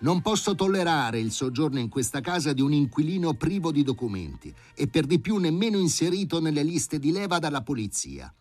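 A man's voice: on the high side, big pitch swings, fairly quick, hardly any pauses, a little mellow, no echo, soft background music, pitched above the performer's own voice. A man voicing a pedantic, sanctimonious male housing-committee official in an audiobook reading. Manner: insistent, bureaucratic and sanctimonious.

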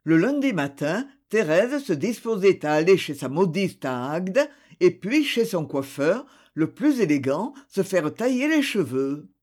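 Audiobook reader, slow and measured, voice rises and falls a lot. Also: mid-range voice. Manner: measured, expressive reading. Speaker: audiobook narrator. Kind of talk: scripted literary narration.

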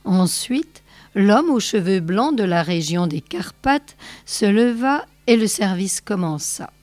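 A woman reading a short story aloud in a slow, measured way on a close mic. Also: medium pitch, animated, a little mellow, no echo. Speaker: reader.

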